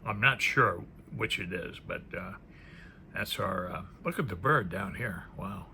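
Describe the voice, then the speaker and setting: This deep-voiced man, creaky yet bright and forceful, walks through a tarot deck in an unhurried way. His commentary is casual and unscripted, full of thinking aloud and asides that trail into murmurs. Faint background noise is present.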